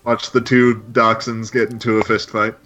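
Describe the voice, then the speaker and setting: A man's voice: medium pitch, flat delivery, moderate pace, bright, forceful tone. A man narrating a tabletop game as game master, laying out each scene step by step in an easygoing way. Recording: dull lo-fi stream audio with faint music.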